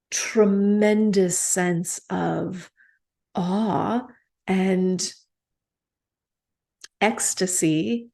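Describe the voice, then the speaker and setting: A woman meditation teacher giving a reflective talk, gentle and unhurried, with soft pauses. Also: fairly low pitch. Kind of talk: slow reflective dharma talk.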